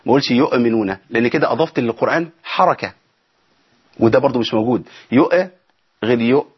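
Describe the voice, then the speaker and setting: Here the Egyptian-accented teacher's mid-range voice comes across quick and slightly rough over dull audio. Broadcasting from a studio, he walks through each Quran recitation rule and keeps asking his audience rhetorical questions.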